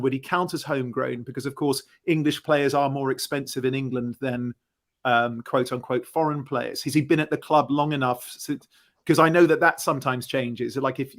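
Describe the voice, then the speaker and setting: A man in a casual football discussion, talking as a fan panellist, emphatic and thinking aloud with rhetorical questions. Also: medium pitch.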